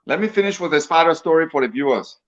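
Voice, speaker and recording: Liberian-accented man, high-pitched, dull lo-fi sound. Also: animated, fast. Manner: colloquial Liberian English, exclamatory, repeats phrases for effect. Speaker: storyteller and author. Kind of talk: animated colloquial storytelling and casual chat.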